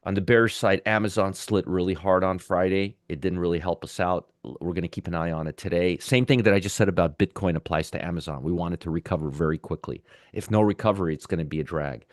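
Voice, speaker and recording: A man with a sore throat, feeling under the weather, hosts a live pre-market trading show, explaining conversationally and repeating points. His low voice is fast, captured in clean studio sound with no echo.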